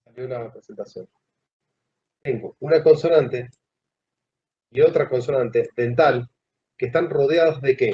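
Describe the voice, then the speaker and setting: A man teaches a class, his voice dark and a little husky. He checks in with the students through questions and leaves phrases hanging. The sound is dull and lo-fi, like a classroom recording. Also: mid-range voice. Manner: asks the class questions, pauses mid-phrase. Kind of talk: classroom lecture.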